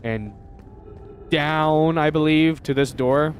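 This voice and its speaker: A man's voice: on the high side, takes it slowly, faint music behind. A man streaming a game, chatting casually, swearing and ranting in mock outrage at his chat, then muttering to himself as he plays. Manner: rambling, muttering to himself while playing. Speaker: livestreamer. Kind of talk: casual gaming livestream chat.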